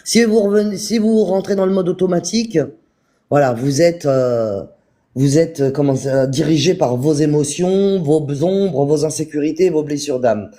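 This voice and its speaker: A man giving a calm, repetitive spiritual talk on a live stream, speaking straight to his viewers. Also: on the high side, normal speed. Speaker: spiritual teacher.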